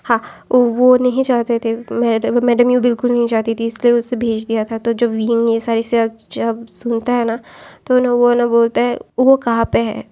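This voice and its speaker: Casual female storyteller who searches for words and corrects herself; mellow, dark tone. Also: a little high, completely flat delivery, moderate pace. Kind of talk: casual storytelling retelling of fan fiction.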